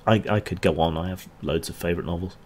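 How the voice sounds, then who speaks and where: A man's voice: sits low, fast talker, darkish tone, a little hiss or hum. A man answering chat questions on a casual livestream, rambling and hesitant with dry asides.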